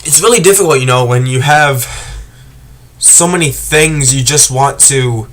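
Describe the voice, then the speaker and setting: A man's voice: medium pitch, unhurried, fairly bright tone, slight background noise. A man vlogging to camera, tearful and choked up, rambling and hesitant with many restarts. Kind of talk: emotional casual monologue to camera.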